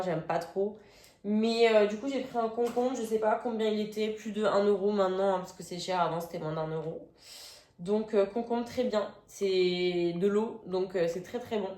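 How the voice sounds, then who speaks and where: A woman's voice: mid-range voice, dark tone. A young woman, chatting casually through a grocery haul vlog, full of "euh" fillers and slangy asides. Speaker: vlogger. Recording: echoey room.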